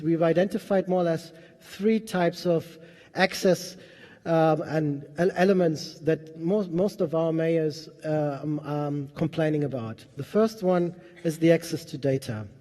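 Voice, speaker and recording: A man's voice: on the high side, dark tone. A man speaking as a panelist at a conference, arguing earnestly and stacking figures, with frequent restarts. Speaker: panelist, head of global programs of a development partnership. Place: large conference hall. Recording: long reverb of a conference hall.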